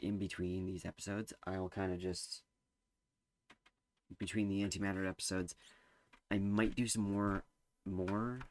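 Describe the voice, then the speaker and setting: A man's voice: low voice, a little mellow. A teenage boy giving casual gameplay commentary, rambling and hesitant with lots of fillers. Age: teens. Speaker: gameplay streamer.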